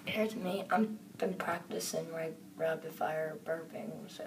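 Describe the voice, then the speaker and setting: A woman's voice: low voice, steady tone, unhurried. A woman chatting casually to her followers as an amateur video maker. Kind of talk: casual chat to camera. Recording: distant mic, clear background noise.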